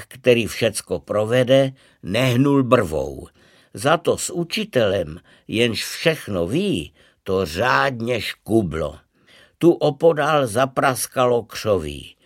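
A man reading a short story aloud, calm and measured. His voice sits in the middle range. The recording is dry and close. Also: mid-range voice, no room sound. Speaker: reader. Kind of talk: literary reading.

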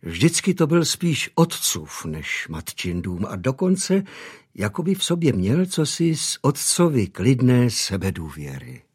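A man reading an audiobook as narrator, measured and expressive. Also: mid-range voice, slightly rough. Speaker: audiobook reader. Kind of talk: scripted narration.

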